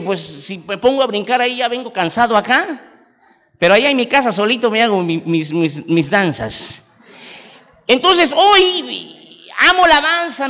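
A Mexican man in his forties with a Mexican accent, preaching a sermon in an animated, emphatic storytelling manner. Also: high-pitched. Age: 40s. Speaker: pastor. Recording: long church hall reverb.

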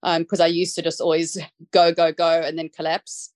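A woman's voice: on the low side, monotone, normal speed, a little mellow, dry recording. A woman from South Africa talking casually as a podcast guest over a call, reflective, with many ums and restarts. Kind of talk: casual interview chat. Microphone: video call.

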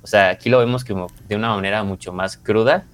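A man's voice: on the low side, fast. A man with a Mexican accent co-hosting a podcast, giving a casual, informal review and often rephrasing as he explains. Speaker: podcast co-host and series reviewer.

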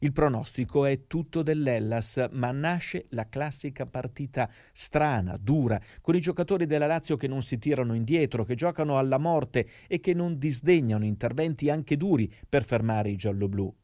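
A man's voice: mid-range voice, moderate pace, hardly any pauses, mellow, no echo, studio quality. A man narrating scripted football history in a dramatic storytelling manner.

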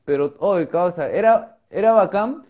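A man's voice: sits high, animated, measured pace, narrow, tinny audio. A man with a Peruvian accent telling crude stories in casual chat, full of slang. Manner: crude, slang-heavy storytelling.

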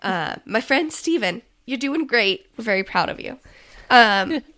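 A woman's voice: fairly high pitch, expressive, measured pace, sharp tone. A woman co-hosting a podcast, chatting casually with plenty of ums and easy laughs. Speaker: podcast co-host. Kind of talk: casual chat.

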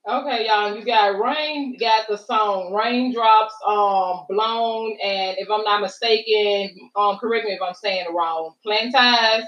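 A woman's voice: medium pitch, steady tone, measured pace, few pauses. American woman podcast host, roomy and distant. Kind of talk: casual chatty interview. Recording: roomy, distant, slightly dull mic.

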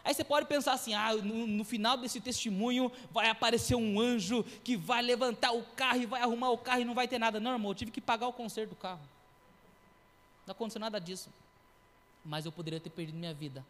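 A high-pitched man preaching a testimony in church, spinning his story with acted quotes and noises. His voice carries a long reverb from the hall around him. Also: quick pace. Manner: animated storytelling with acted quotes and sound effects. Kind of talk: sermon testimony.

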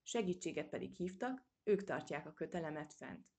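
A woman's voice: deep voice, expressive, warm tone. A woman voicing a loyal young male mouse friend who speaks earnestly and matter-of-factly.

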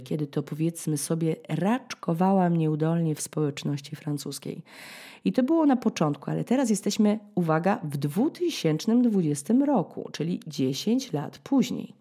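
A woman in her thirties from Poland hosting a podcast, telling a story in a dramatic, ironic way, with sudden high-pitched bursts as she acts out scenes. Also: lively intonation, normal speed, mellow. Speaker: podcast host. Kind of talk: storytelling monologue.

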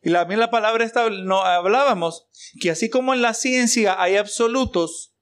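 A man's voice: high voice, moderate pace. A man preaching a sermon as pastor, mixing rhetorical questions and exclamations of praise for the congregation.

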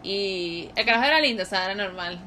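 A woman's voice: medium pitch, lively intonation, quick pace, crowd noise. A young woman, co-hosting a podcast and telling rambling stories in casual chat. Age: late teens. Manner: rambling, storytelling, laughs often. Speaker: podcast co-host.

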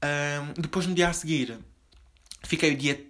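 A young man with a European Portuguese accent and a soft voice, rambling confessionally as host of his own casual podcast, with many fillers and restarts. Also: a little high, steady tone, measured pace. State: slightly deeper voice from just waking up. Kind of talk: casual solo podcast chat.

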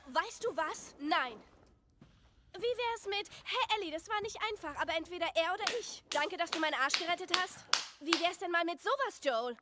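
A woman voicing a sharp-tongued teenage girl in video game dialogue, speaking with cutting sarcasm. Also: extremely high pitch, lively intonation, normal speed, noisy background. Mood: sarcastic.

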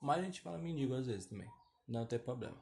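A man's voice: medium pitch, lively intonation, fast, gravelly, darkish tone, a little hiss or hum. A Brazilian man with a Brazilian accent hosting a casual solo podcast, telling a story in a rambling, self-deprecating way. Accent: Brazilian Portuguese. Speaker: podcast host.

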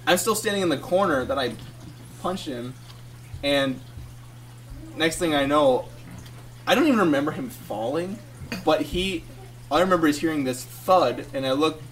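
Animated man telling a story, a bit far from the mic. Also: a little high, normal speed, long pauses. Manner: animated, laughs through his own story. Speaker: podcast co-host. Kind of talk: casual storytelling.

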